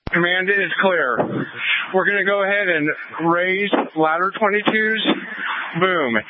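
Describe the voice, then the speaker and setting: A man's voice: high-pitched, measured pace. A man acting as the fire incident commander, giving direct orders to crews and dispatch over a two-way radio. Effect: heard over a two-way radio. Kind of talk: radio calls at a fire scene. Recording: tinny radio with light hiss.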